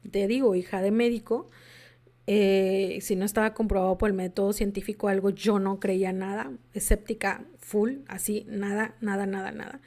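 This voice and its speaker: A woman with a warm, mid-range voice tells her personal story to a workshop audience at a normal speed, her delivery flat but confessional. She acts out conversations she remembers along the way.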